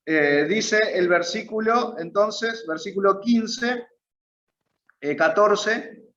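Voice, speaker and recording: A man's voice: sits high, slow, fairly bright tone, echoey room, dull audio. A man with an Argentine Spanish accent teaching a church Bible class in a conversational way, often checking in with his listeners. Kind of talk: church Bible study lesson. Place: church meeting room.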